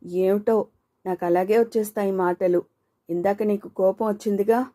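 A woman's voice: medium pitch, steady tone, normal speed, warm tone, lightly acted. A woman voicing Jyothi, a talkative, teasing young woman with a car, in playful banter.

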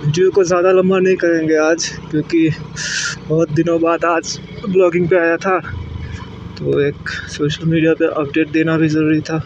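Narrating a laid-back motorcycle vlog, this young motovlogger from India chats and rambles with plenty of fillers while riding through the city. He speaks at a moderate pace in a fairly high voice with little pitch movement, muffled by heavy road noise.

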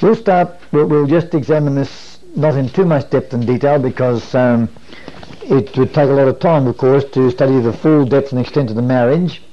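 A man's voice: medium pitch, normal speed, warm tone. A man in his sixties teaching a Bible study in a sermon style, earnest and explanatory, asking rhetorical questions, in a wood-panelled meeting room. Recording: dull lo-fi 1980s video recording.

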